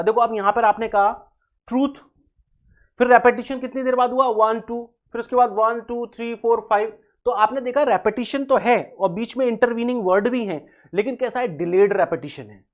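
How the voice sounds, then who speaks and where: A man giving an exam-prep English lesson. He mixes Hindi with English terms, explains step by step, repeats key terms and spells words letter by letter. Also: sits high. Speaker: English teacher. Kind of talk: exam-prep video lecture.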